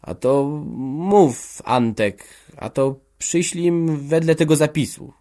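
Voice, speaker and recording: A man's voice: high-pitched, sing-song, normal speed, a little mellow, pitched above the performer's own voice. A man voicing a timid peasant woman who hesitantly pleads and stammers. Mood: timid pleading.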